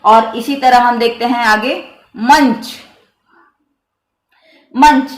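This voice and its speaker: A woman teaching a grammar lesson on the Hindi script, explaining slowly and carefully and repeating each example. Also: on the high side, steady tone, reverberant.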